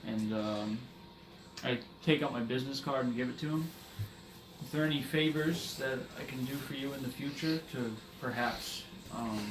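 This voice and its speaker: A courteous, wealthy male vampire agent, played by a man, offers favors in polite, slightly halting phrases. His voice sits at a middle pitch. Clear room noise runs behind it. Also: echoey room, natural voice, rough recording.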